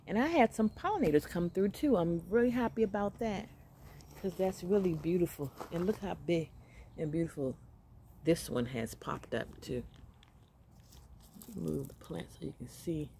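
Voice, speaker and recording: A woman giving a casual walk-through of her container garden, upbeat and grateful, chatting with pauses and fillers as she films on a phone held close. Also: lowish voice, vocal fry, warm tone, slight background noise. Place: outdoor container garden on gravel. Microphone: phone camera held close while filming plants.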